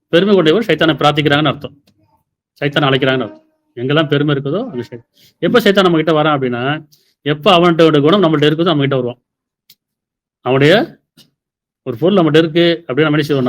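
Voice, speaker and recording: A man giving a sermon, explaining scripture verses and asking rhetorical questions. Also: on the high side. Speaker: preacher.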